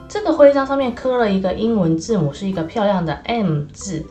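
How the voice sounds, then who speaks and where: A woman reading a children's story aloud, lively and animated, with many little fillers. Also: medium pitch, brisk, lo-fi sound. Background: soft background music.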